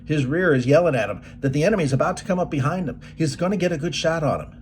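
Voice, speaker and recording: A man's voice: on the high side, rapid-fire, a little mellow, slight background noise. A middle-aged man giving a motivational presentation, telling movie stories in a folksy way. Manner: folksy storytelling, quoting movie lines.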